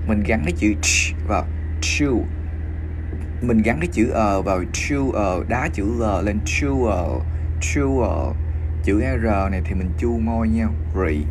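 A man with a Vietnamese accent giving a pronunciation lesson, slowly spelling out and modeling English words syllable by syllable. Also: lowish voice, background noise.

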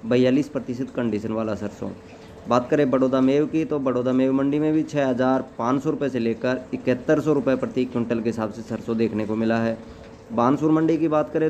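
A man's voice: mid-range voice, darkish tone. A man hosting a price update channel, reading a scripted news-style voice-over. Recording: muffled lo-fi audio with background noise.

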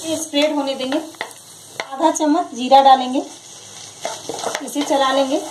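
A woman hosting her own cooking channel, calmly walking through a recipe step by step in her home kitchen. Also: high-pitched, a little slow, background noise. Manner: calm, instructive, repeats each step. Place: home kitchen, over frying sounds.

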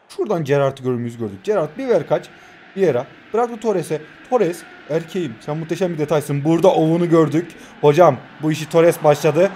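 A man in his twenties commentating his own mobile football match, calling out player names and chatting to viewers, holding his voice down at night in his new home. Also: on the high side. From Turkey. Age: 20s. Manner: excitable, shouts player names, talks to viewers. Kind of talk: live gameplay commentary.

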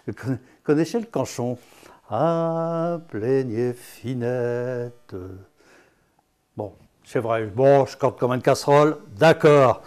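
A man's voice: medium pitch, slow pace, a little mellow. An older man giving a chatty, teasing dialect lesson full of asides. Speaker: patois teacher.

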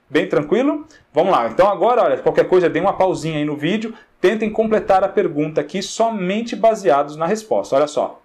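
Lively, animated Brazilian English teacher. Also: male voice, high voice. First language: Portuguese. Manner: explains slowly, checks in with learners. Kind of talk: classroom English lesson.

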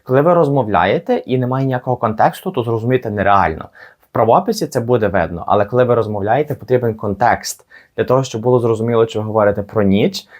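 A young man with a fairly low voice walks learners through English pronunciation. He explains patiently and repeats each word slowly so they can follow. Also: darkish tone. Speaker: English teacher on his channel.

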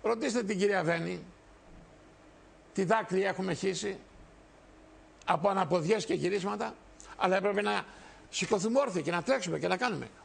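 A man's voice: sits high, gravelly, long pauses. A man in his sixties, a TV host and party leader, gives an impassioned, emphatic monologue straight to the viewers, with much repetition. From Greece.

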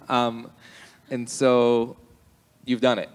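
A man in his forties, a rabbi hosting a live interview, asking steady, curious questions into a handheld mic in a large sanctuary. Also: mid-range voice, very slow. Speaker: rabbi and show host. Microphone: handheld microphone. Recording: long hall reverb.

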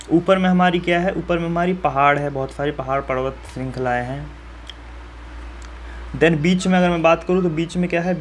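With a slightly high voice and some faint hiss or hum on the recording, a man explains to school students, step by step, how to fill in a map. His approach is kind and reassuring, and he often asks viewers questions.

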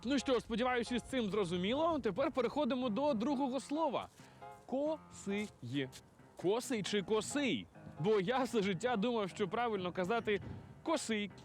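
A man working as a TV street reporter, playfully quizzing people in a lively voice-over. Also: very high-pitched, fairly quick, faint music behind. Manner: playful, teasing quizmaster.

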